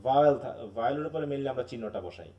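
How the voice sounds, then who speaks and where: A male teacher from Bangladesh lectures in a live online class, his voice sitting back from the mic. He walks through each point patiently, slips English terms into his talk and often pauses to ask whether everyone is following. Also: medium pitch, animated, dark tone, far from the mic, highs cut off. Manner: explanatory, often checks understanding with tag questions; mixes in English terms and phrases.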